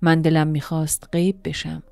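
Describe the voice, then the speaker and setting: A woman narrating a first-person story in a soft, emotional, intimate way. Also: sits low, little pitch movement, vocal fry, no room sound. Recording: dry studio voice-over with soft music.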